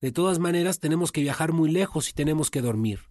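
A man's voice: on the high side, animated, quick pace, darkish tone, dry recording, voice pushed up, close to an everyday voice. A man voicing male servants who mock and scold a fellow worker. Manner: mocking, scolding.

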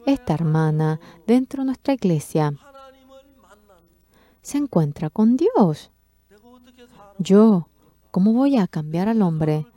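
A woman interpreting a sermon testimony, expressive, acting out quoted speech with sudden jumps in pitch. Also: takes it slowly, long pauses.

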